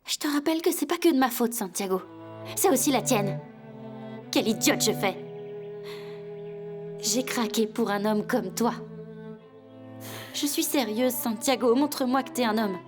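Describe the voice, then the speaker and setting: An actress dubbing a hot-tempered, scheming young woman in a telenovela, sharp and accusing. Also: fairly high pitch, animated, unhurried, pauses often, over music. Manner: sharp, accusing, bursts into shouting. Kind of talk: dubbed telenovela acting.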